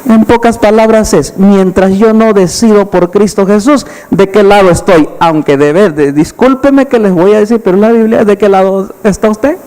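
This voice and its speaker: A man's voice: high-pitched, moderate pace, few pauses, a little mellow. A man preaching an evangelistic sermon as pastor, emphatic and full of rhetorical questions to the congregation. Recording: long hall reverb.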